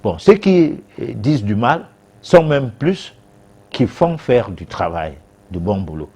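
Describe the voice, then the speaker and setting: A man's voice: mid-range voice, big pitch swings, measured pace, a little mellow, slightly rough. A man, a guest expert on a TV talk show answering viewers' questions, hesitant with many fillers and restarts.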